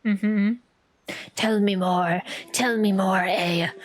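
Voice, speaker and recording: Her mid-range voice holds a steady tone and moves slowly as this streamer reacts to a game she is playing. The commentary is casual and tentative, like she is thinking out loud, and soft game music sits in the background.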